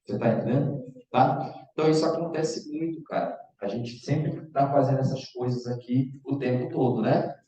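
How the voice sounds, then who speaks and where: Math teacher guy, casual, keeps asking if u got it, mellow voice, very echoey lo-fi sound. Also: mid-range voice, fairly even intonation, moderate pace. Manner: casual, checks in often with the students. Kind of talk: online exam-prep lecture. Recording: echoey, distant, dull lo-fi room sound.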